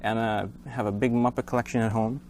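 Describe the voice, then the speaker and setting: A man speaking as a puppeteer guest in a casual interview, with hesitant, halting phrasing. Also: mid-range voice, level tone, darkish tone. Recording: noisy room ambience.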